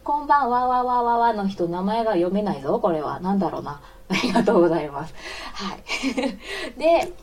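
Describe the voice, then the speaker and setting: A woman's voice: mid-range voice, sing-song, brisk, breathy edge. A woman of about forty from Osaka with a Kansai accent, chatting casually on a live audio stream, giggling and stopping to greet listeners. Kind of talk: casual live radio chat, reading listener comments.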